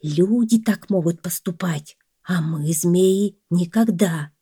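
A whispering snake, sly and persuasive, that speaks in soft hushed tones, as a woman narrator puts it on. It bargains quietly, its voice set dry and close with no room around it. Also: on the low side, takes it slowly, slightly rough, dry recording, exaggerated voice. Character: scheming male snake, hissing and persuasive.

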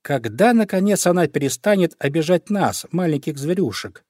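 A man voicing a clever, bossy small male animal in a storybook, giving orders briskly. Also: fairly high pitch, animated, a little mellow, dry recording, clean studio sound, voice pushed up. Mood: indignant. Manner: brisk, commanding.

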